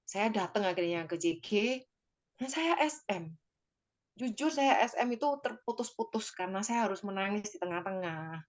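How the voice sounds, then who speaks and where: A woman's voice: mid-range voice, lively intonation, moderate pace. Woman sharing a heartfelt personal testimony. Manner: conversational and emotional, frequent fillers and tag phrases; addresses listeners directly. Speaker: church small-group member giving a testimony.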